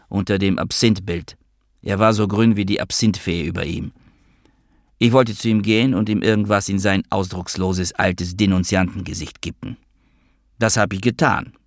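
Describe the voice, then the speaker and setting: A man reading an audiobook voices a sharp-tongued, bitter adult woman with a sarcastic, needling manner, pitching his voice up for her. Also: dry recording, clean studio sound, natural voice. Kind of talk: audiobook character voice.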